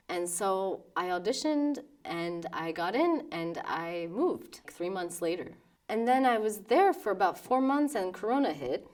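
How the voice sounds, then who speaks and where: Recorded on a distant mic, a lowish-voiced American woman from New York, in her thirties, talks about being a pianist for a documentary. She's thoughtful, often restarting and laughing softly.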